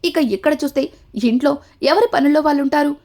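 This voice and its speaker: A woman narrating a steady, story-style recap of a TV serial episode, linking each event to the next. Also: high-pitched, quick pace. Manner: steady retelling, links events with repeated connectives.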